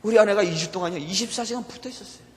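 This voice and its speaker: High-voiced man preaching in a reverberant church. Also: racing. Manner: impassioned personal storytelling. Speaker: pastor. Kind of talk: sermon. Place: church sanctuary.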